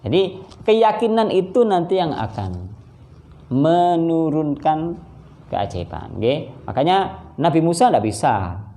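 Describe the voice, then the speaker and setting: A man's voice: fairly high pitch, takes it slowly, long pauses, slight background noise. A man preaching a casual Islamic sermon over a phone livestream. He speaks Indonesian with a Javanese accent, acts out dialogue and chuckles at his own asides. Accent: Javanese-influenced Indonesian. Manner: animated storytelling, acting out dialogue, chuckling asides.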